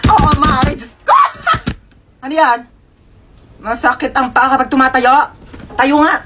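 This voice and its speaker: Woman, sassy comic skit voice, highish pitch, noisy home video. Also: measured pace. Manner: sassy, exaggerated, playing many roles. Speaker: comedy skit creator. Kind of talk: comedic skit role-play.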